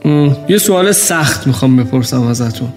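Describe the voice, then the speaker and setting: A man's voice: medium pitch, animated, darkish tone, faint music behind, natural voice. A man playing a polite quiz show host who grows exasperated with his contestants. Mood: patient. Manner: polite but increasingly exasperated. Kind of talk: comedy sketch acting.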